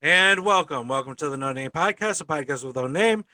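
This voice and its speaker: A man hosting a podcast in casual chat, with a halting, stammering delivery. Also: fairly high pitch, expressive, sharp tone, no room sound. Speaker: podcast host.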